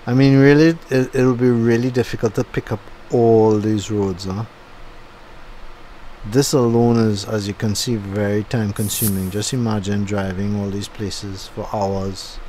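A middle-aged YouTube host at home narrates his own driving video after the drive, rambling casually and thinking aloud with fillers. His fairly low voice barely moves in pitch and has a warm tone at a measured pace. A little hiss or hum sits under the audio.

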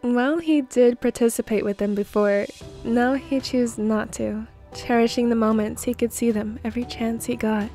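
A woman reading a fan fiction story aloud in a soft, even way. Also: fairly high pitch, normal speed, few pauses, faint music behind. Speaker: narrator.

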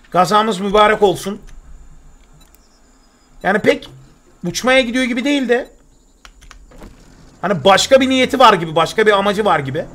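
A young man with a Turkish accent streams a survival game live, his bright, high voice swinging widely in pitch. He chats with viewers and breaks into excitable, repeated yelps whenever things go wrong. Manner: excitable, yelps and repeats words when panicking. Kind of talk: live gameplay commentary.

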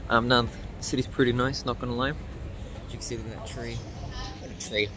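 A man's voice: mid-range voice, fairly even intonation, moderate pace, crowd noise. A young man in a casual travel vlog, talking loosely and upbeat into a phone held at arm's length outdoors. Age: young adult. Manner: chatty, upbeat, loose and rambling. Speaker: vlogger. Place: outdoors in a city at night. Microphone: phone camera held at arm's length. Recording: noisy outdoor street recording.

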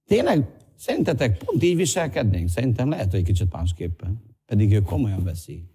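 Man preaching, pastor, lively pitch, loud urging then quiet asides, church sermon. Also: slightly rough. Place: church hall.

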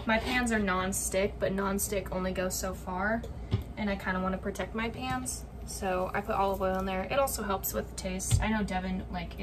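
Prepping meals indoors at home, a young adult woman vlogs to her viewers in a mid-range voice, rambling along with plenty of "like" and "um." Her camera sits on the counter, leaving her distant from the mic with obvious room noise.

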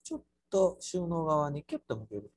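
A man's voice: on the high side, expressive, moderate pace, dry recording. Playful Kansai man teaching a class. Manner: playful, with sound words and squealing mock guest voices. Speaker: architecture instructor. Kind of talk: software tutorial for a class.

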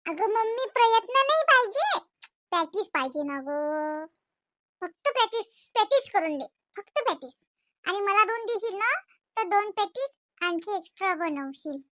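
A woman's voice: very high voice, sing-song, normal speed, bright, forceful tone, no echo, studio quality, heavily acted. A woman voicing a chatty young schoolgirl in a cartoon, coaxing her mother. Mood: pleading. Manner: pleading, chatty. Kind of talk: animated cartoon voice acting.

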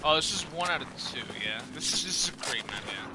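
A man giving casual gameplay commentary, excitable and rambling, swearing freely. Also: fairly high pitch, fast talker. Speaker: gamer. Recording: loud game audio behind voice. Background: gunfire and engine noise.

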